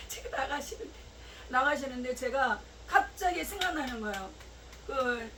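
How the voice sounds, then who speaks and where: A woman pastor telling a personal story in a sermon, her voice swelling into shouts and near tears. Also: high-pitched, far from the mic, slight background noise, rough recording. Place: small church sanctuary.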